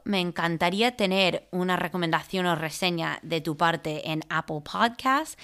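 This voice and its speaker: Female podcast host, slightly low voice, informal and chatty interview delivery. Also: fairly bright tone. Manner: informal, conversational. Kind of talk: casual podcast interview chat.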